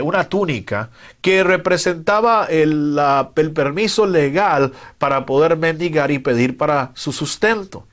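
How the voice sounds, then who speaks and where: A man preaching a sermon in a fervent, emphatic way, with some hesitant fillers between his points. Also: on the high side. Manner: fervent, rising to loud emphatic retellings.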